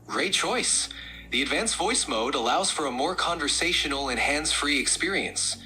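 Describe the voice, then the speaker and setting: A male AI assistant voice that is bright and forceful, with a lively, swooping melody. It answers in a polished, upbeat, helpful way, with soft music in the background. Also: on the high side, moderate pace, rough recording. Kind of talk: friendly synthetic conversational replies.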